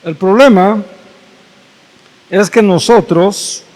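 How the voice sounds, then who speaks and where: Slow, high-voiced preacher in echoey church. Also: male voice, darkish tone. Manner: slow, dramatic storytelling with repeated phrases. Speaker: pastor. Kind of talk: sermon. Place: church hall.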